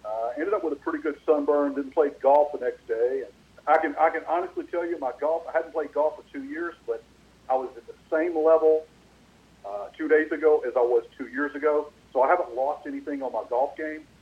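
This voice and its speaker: Radio host guy phoning in, echo all over his mic, dull lo-fi line, kinda high voice, rambles a lot with uhs. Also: fairly quick. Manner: rambling, with many fillers and restarts. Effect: echo on his microphone. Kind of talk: casual talk radio storytelling. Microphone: phone line. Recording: echoey, dull, lo-fi phone line.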